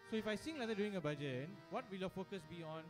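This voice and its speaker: Man, high voice, devotional singing teacher, conversational, frequent check-ins, instrument music behind. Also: lively intonation, racing. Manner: conversational, checks in with the audience often. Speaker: bhajan workshop teacher. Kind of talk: teaching with sung examples.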